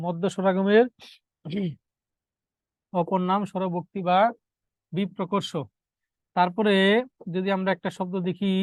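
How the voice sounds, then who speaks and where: A man's voice: sits high, no echo. A male teacher, giving a classroom grammar lesson, repeating key terms and quizzing his students.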